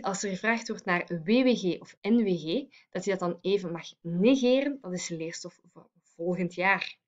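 A woman teacher explaining a grammar lesson clearly and correcting herself now and then. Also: medium pitch. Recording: dull lo-fi sound.

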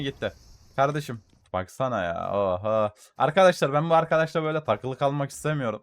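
Young man excitedly commentating a shooter game. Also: on the high side, clean tone, dry recording. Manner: excitable, mutters and taunts enemies. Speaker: gaming YouTuber. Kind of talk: live gameplay commentary. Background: gunfire.

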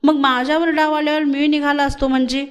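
A cheeky, bossy ten-year-old village boy, voiced by a woman reading a storybook, pitched up high and teasing. He chants his rhymes in a singsong and taunts his playmate. The voice sits noticeably higher than the reader's own. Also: little pitch movement, fairly quick, lightly acted. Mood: playful taunting.

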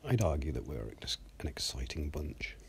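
A man, talking softly and in a monotone, often half-whispered, as he walks through his 3D animation work at a desk microphone. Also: very deep voice, moderate pace, a little hiss or hum. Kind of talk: screen-recorded software walkthrough.

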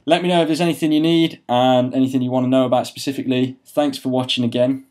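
A young man casually narrating gym footage as a fitness vlogger, chatty and relaxed. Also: mid-range voice, fast talker.

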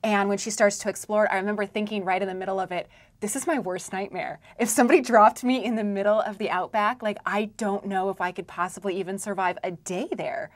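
A woman's voice: medium pitch, fairly even intonation, quick pace. A young woman interviewer in a studio, hosting a book interview in a chatty way with lots of restarts. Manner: chatty, many restarts and fillers. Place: studio with dark backdrop.

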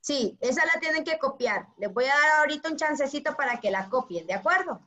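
A woman's voice: high voice, expressive, fairly quick, bright, forceful tone. A woman teaching a class to children, patient and affectionate, walking them through a table of verbs. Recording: dull lo-fi audio.

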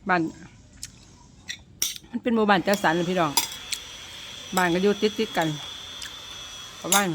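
A woman's voice: lowish voice, unhurried. A woman chatting casually to viewers while she eats, talking with her mouth full. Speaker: host of an eating vlog. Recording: clear background noise, clattering dishes.

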